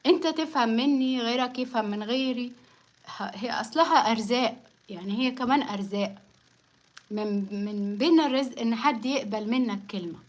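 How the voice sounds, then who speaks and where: A woman with an Egyptian accent talks to her live-stream viewers over a phone at home. Her voice sits high and she answers critics with sarcastic defiance, laughing often between lines. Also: brisk. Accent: Egyptian Arabic. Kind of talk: casual live-stream talk.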